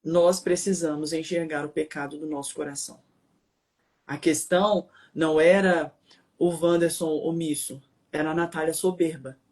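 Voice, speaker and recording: An adult married Brazilian woman with a Brazilian Portuguese accent co-hosts, speaking in a low, darkish voice at normal speed with fairly even intonation. She is emphatic and preachy, firing off rhetorical questions.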